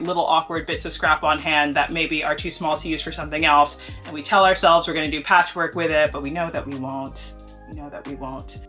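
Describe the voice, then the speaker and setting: On her sewing vlog, a young woman from the United States talks with bright, pushed energy in a deep voice. She's enthusiastic and casual, though slightly stuffed up from allergies.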